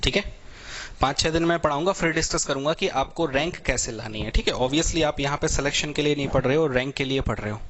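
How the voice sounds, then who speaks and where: Young male tutor, talky explainer, keeps checking in with "okay", pitch a touch high. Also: brisk, a bit bright, a little hiss or hum. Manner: explanatory, repeats "thik hai" constantly, tells everyday examples. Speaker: teacher. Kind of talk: vocabulary lecture for exam students.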